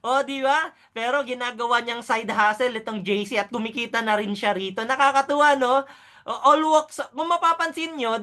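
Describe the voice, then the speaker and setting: A woman's voice: on the high side, fairly bright tone. A woman presenting a business orientation, upbeat and hyped, often asking her audience "di ba?". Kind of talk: sales presentation.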